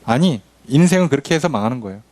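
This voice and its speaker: A man's voice: mid-range voice, animated, rapid-fire, darkish tone. A man, a pastor, teaching a midweek Bible study in a conversational way, often asking the congregation questions and acting out quoted lines. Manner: frequent affirming fillers and questions to the congregation.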